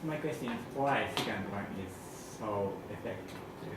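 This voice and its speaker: A man questioning as an academic examiner, halting and searching for words in non-native English. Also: on the low side. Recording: very echoey, distant, noisy room recording.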